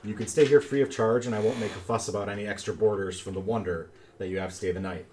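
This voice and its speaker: Man doing a woman's voice as a creaky little old goblin lady. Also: fairly low pitch, steady tone, quick pace, darkish tone, a little hiss or hum, lightly acted. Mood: sweet, wheedling. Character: kindly tiny old goblin lady innkeeper.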